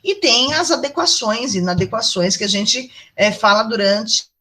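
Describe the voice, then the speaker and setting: A woman's voice: on the high side, animated, normal speed, bright, forceful tone. Brazilian woman lecturer on a video call, chatty and affectionate, keeps checking in with students. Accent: Brazilian Portuguese. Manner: chatty, affectionate, asks the class "tá bom?". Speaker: teacher. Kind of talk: online university lecture.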